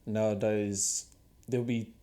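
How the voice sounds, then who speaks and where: A man's voice: on the low side, level tone, unhurried, mellow. A man hosting a podcast interview, hesitant and searching for words, with lots of "like". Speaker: podcast host. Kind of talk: casual interview chat.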